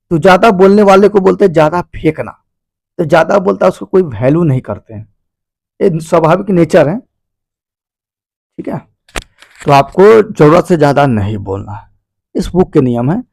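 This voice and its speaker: A man with a high-pitched voice and a gravelly edge talks through a self-help book like an explainer video. He speaks in a loose, chatty way, repeats his points and calls his listeners "bhai". The sound is close and dry. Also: no room sound. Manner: conversational and repetitive, addresses listeners as "bhai". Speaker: video host.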